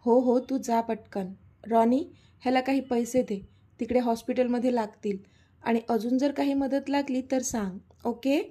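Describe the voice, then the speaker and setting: A woman narrator voicing a polite, quietly scheming young rich son. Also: a little high, steady tone, moderate pace, slightly rough.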